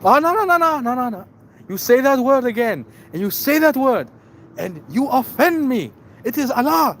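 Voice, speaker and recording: A man putting on a touchy male diplomat who shrieks his protest far above his own voice, squealing and indignant. The take is noisy, with traffic rumbling behind it. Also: very animated, moderate pace, fairly bright tone, exaggerated voice. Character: shrill, easily offended male diplomat.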